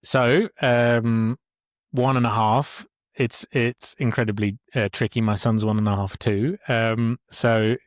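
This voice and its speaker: A man hosting a podcast interview in a casual way, often pausing with fillers and restarting his sentences. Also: medium pitch, steady tone, no echo, clean studio sound. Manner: hesitant, many fillers and restarts. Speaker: podcast host.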